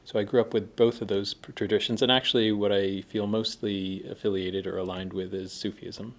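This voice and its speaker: Low-voiced man talking with pauses. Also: flat delivery. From New York State. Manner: thoughtful, with pauses and fillers. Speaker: fellow sharing his experience. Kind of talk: casual interview answer.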